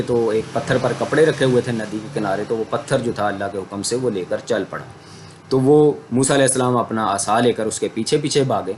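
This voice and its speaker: A man's voice: mid-range voice, a little hiss or hum. Man teaching a religious studies lesson. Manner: explanatory, conversational, adds everyday examples. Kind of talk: Islamic studies lecture.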